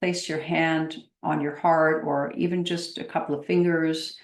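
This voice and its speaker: A woman meditation teacher guides listeners in a low-sitting voice that barely moves in pitch. Her manner is gentle and unhurried, with long pauses, and the recording sounds roomy and echoey.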